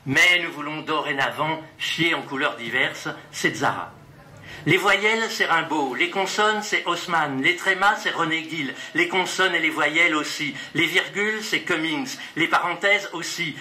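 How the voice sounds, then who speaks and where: A man's voice: a little high, sharp tone. A man introducing and then reading his own poem aloud at a live poetry evening, in a rhythmic, playful, list-like delivery. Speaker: poet reading his work. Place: gallery at an evening event.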